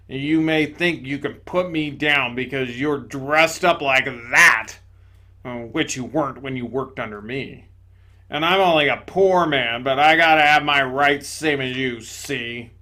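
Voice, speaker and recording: The character is a big, self-righteous male ghost, voiced by a man in a storybook reading; he blusters loudly in rough, ungrammatical working-class speech. The voice is mid-range and measured in pace.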